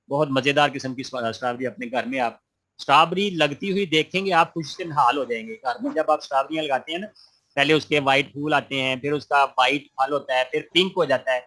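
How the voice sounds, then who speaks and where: A man's voice: medium pitch, fairly bright tone. A man teaching an online gardening class, reading out students' questions and answering them patiently and encouragingly. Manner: friendly, encouraging, many religious phrases.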